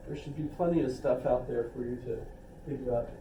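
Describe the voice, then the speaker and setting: A mellow, medium-pitched male voice, a bit quick, belongs to an older philosophy teacher who wanders casually through his class with digressions and self-deprecating quips. There's a little hiss or hum, and the echoey classroom is recorded from far off.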